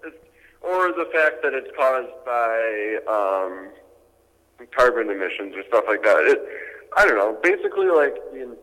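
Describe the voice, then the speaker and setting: A man's voice: mid-range voice, sing-song, unhurried, fairly bright tone, big-room sound, low-quality recording. A young man talking casually over a phone speaker, rambling with lots of fillers and restarts. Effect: heard over a phone speaker. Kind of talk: casual chat.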